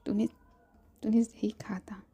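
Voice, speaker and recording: A woman voicing a young woman in love who speaks quietly, her voice breaking with emotion. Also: medium pitch, flat delivery, unhurried, husky. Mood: tearful hushed.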